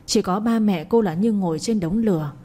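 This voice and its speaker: A woman tells a family drama in a measured, moralizing tone. Her voice is mellow and warm with a slight husk. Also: mid-range voice. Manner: measured, commenting on events. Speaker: storyteller. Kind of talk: narrated moralizing story.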